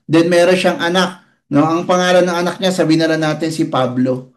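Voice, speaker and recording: Man from the Philippines, middle-aged, motivational forum speaker, chatty, high voice. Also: steady tone, a little fast. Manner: chatty, keeps asking "di ba?". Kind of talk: motivational talk with storytelling.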